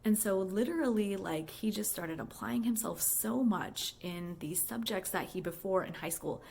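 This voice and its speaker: Speaking at a moderate pace in a medium-pitched voice that's a little mellow, slightly rough and full of vocal fry, this woman rambles in a voicemail-style monologue. A high school English teacher who loves books, she muses conversationally, peppering her talk with "like" and "you know."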